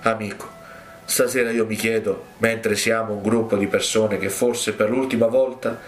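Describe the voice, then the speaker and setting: A man's voice: lowish voice, flat delivery, moderate pace, faint music behind. A male preacher delivering a fervent, exhorting sermon to his congregation. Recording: roomy echo.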